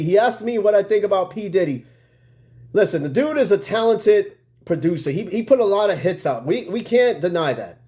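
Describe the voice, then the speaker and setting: With a fairly high, mellow voice, this podcast host from the United States chats casually on a livestream. He uses slang, swears freely, and makes side remarks to his audience.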